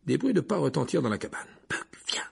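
A man's voice: fairly high pitch, very animated, racing, gravelly, darkish tone, husky. A man narrating a storybook expressively, voicing each character in turn. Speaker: audiobook narrator.

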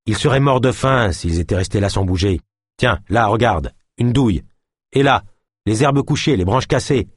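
A man playing a gruff, suspicious male guard who grumbles and speaks bluntly, read in an audiobook. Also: on the low side, moderate pace, no echo, studio quality. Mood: gruff, wary.

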